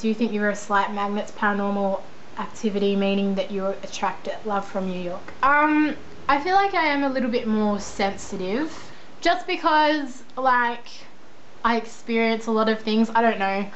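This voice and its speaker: A young Australian woman vlogs from indoors at a computer, answering viewer questions in a high voice at normal speed. Her casual chat is rambling, informal, and self-deprecating. The recording sounds dull and lo-fi, with faint background noise.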